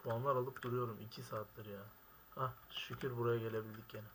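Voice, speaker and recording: A man's voice: medium pitch, level tone, a little fast. Exasperated young man gaming, keyboard clicking. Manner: exasperated, complaining loudly at the game. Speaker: gamer. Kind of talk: frustrated gaming commentary. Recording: keyboard clicks and noise behind. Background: keyboard typing.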